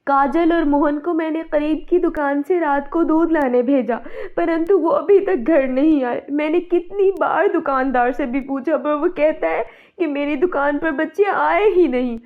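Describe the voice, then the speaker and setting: A woman's voice: high-pitched, expressive, unhurried. A woman voicing an anxious, emotional village wife and mother in a cartoon. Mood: distraught. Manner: pleading, emotional. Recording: dull, muffled sound.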